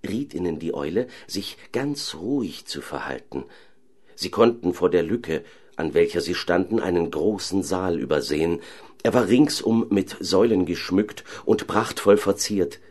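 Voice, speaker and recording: Deep voiced guy reading a fairy tale, calm and even. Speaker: narrator. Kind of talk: fairy tale audiobook narration.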